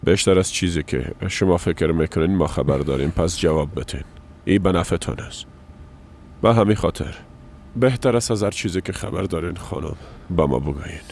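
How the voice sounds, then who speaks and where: A stern gravelly father. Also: low voice, a little hiss or hum. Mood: cold probing. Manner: calm commanding, turning urgent. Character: stern middle-aged father and interrogator. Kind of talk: dubbed drama dialogue.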